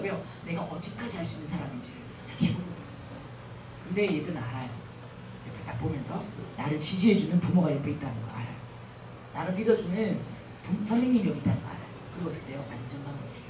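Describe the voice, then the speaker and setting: A woman speaking as a guest missionary at a church revival meeting. She talks in an animated way and keeps asking the audience questions. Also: a little high, slight background noise. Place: large church hall. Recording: echoey hall, mic at a distance.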